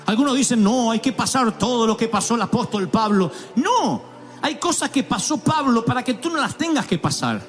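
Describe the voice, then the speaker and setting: An animated male pastor delivers a sermon in a large church, his voice sitting notably high for a man. He tells stories with sudden exclamations and quick mimicry, while soft music plays faintly underneath. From Argentina.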